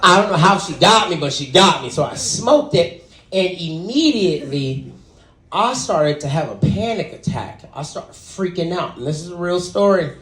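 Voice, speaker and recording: A man's voice: normal speed, reverberant. A young man doing stand-up, telling a story and acting out the people in it with sudden jumps in his voice. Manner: animated, acts out quotes with big pitch jumps. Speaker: stand-up comedian.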